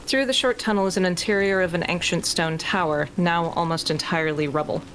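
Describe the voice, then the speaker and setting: A woman's voice: fairly low pitch, fairly even intonation, a little fast, fairly bright tone, slight background noise. A woman giving matter-of-fact live audio description of a video game, with terse callouts. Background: video game music.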